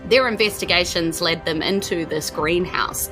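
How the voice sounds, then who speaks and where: A woman with a New Zealand accent and a lowish voice runs a tabletop game as game master, recapping the story so far at a moderate pace. She's chatty, using fillers and correcting herself, and music plays underneath her.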